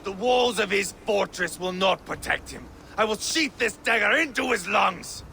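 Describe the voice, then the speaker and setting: A man playing a fierce, vengeful, hot-tempered Viking warrior in a video game, with a gravelly, commanding voice. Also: sits high, animated, normal speed, slight background noise, full character voice. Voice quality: gravelly, forceful. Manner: intense, commanding, theatrical.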